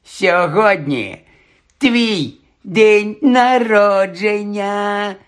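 A man's voice: mid-range voice, huge pitch swings, brisk, fairly bright tone, heavily acted. A man voicing a spoiled, bullying plump boy with a taunting, whiny sing-song manner in an audiobook. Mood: mocking. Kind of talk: audiobook character voice.

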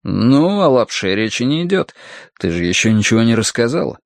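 A wary detective, businesslike with a hint of suspicion, voiced by a male narrator. His voice is gravelly and mid-pitched. The recording is dry and close, as in an audiobook. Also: big pitch swings, brisk, no echo. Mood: guarded.

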